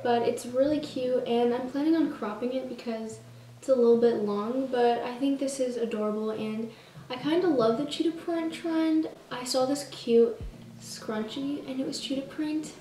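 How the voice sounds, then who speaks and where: A teenage girl talks through her try-on haul in a bubbly, chatty way, tossing in self-mocking jokes. Her voice sits a little high and has a soft, mellow tone. She sounds set back from the mic in an echoey room. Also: normal speed, recorded from a distance, slight background noise. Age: teens. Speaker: vlogger. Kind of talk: casual try-on haul chat.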